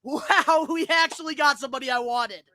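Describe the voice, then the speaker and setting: A high-pitched, bright-voiced man reacts live, excitable and prone to yelling and swearing. His voice is recorded close and dry. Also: normal speed, no room sound. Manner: excitable, shouts and swears in bursts of joy. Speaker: streamer reacting to a sports draft.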